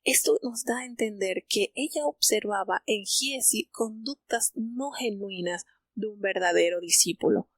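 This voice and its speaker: Woman Bible teacher, mid-pitch, gravelly fry in the voice, dry close sound, relaxed conversational retelling. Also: a little slow, dry recording. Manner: retells the story in a conversational way, with fillers like "eh" and "pues". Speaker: Bible teacher on a live program. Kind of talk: explaining a daily Bible reading.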